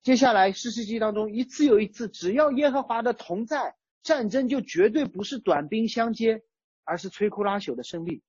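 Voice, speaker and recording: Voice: medium pitch, expressive, normal speed, a little mellow, slightly rough, dry recording, dull audio. A preacher giving a sermon in a conversational way, using everyday examples. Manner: conversational, uses everyday chat-group analogies. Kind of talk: sermon on a psalm.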